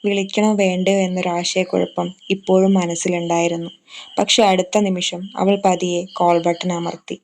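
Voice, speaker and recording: A woman storyteller giving scripted narration of a romance. She reads slowly and evenly, her pitch staying flat. A faint hiss of noise runs under her voice.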